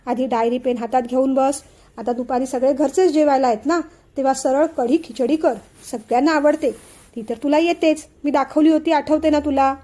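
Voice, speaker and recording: A woman's voice: sits high, steady tone, normal speed, warm tone, natural voice. A woman doing a soothing teacherly sister-in-law. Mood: reassuring. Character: calm, reassuring young sister-in-law, a woman.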